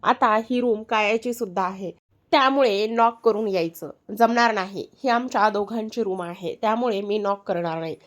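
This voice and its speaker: A woman's voice: medium pitch, normal speed, lightly acted. A woman reading a storybook part as a playful young man who teases and bickers with his family. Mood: teasing.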